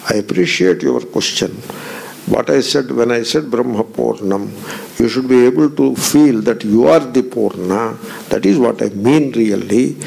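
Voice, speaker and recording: A man's voice: mid-range voice, vocal fry, a little mellow, slightly rough. A man giving a spiritual discourse, emphatic, repeating phrases and putting pointed questions to his listeners. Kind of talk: Vedanta discourse.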